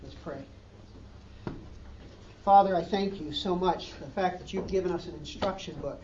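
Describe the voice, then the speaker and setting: A man's voice: sits high, moderate pace, echoey room, far from the mic, noisy background. Earnest preacher guy, punchy questions, dull lo-fi church recording with faint ambience. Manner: earnest, rising emphatic questions. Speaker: pastor. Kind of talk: sermon. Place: church hall.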